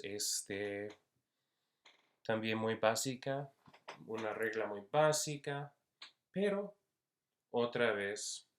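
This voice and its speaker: Slow, hesitant man lecturing, low voice. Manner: slow, hesitant, many fillers. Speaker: university Spanish instructor. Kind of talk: unscripted classroom lecture.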